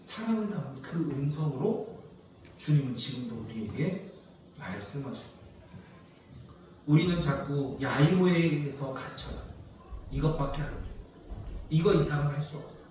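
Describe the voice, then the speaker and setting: High-voiced pastor preaching in an echoey church. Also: male voice, expressive, normal speed, long pauses, slight background noise. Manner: asks the congregation questions and answers them himself; swings between hushed low lines and loud emphatic ones. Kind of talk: sermon. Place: rural church sanctuary. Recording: echoey church hall, heard from far off.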